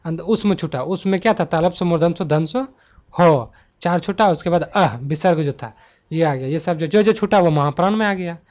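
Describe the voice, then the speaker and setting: A man teaching a Hindi grammar exam-prep lesson, talking students through multiple-choice answers and slowing down to list letters one by one. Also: fairly high pitch, darkish tone. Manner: slows to spell out letter lists one by one.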